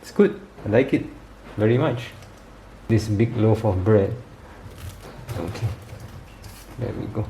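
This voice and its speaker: A man casually demonstrating and reviewing a bread maker in his home kitchen, relaxed and chatty with lots of fillers. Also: lowish voice, slow pace, creaky, pauses often. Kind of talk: casual demo vlog. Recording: echoey kitchen with faint background noise.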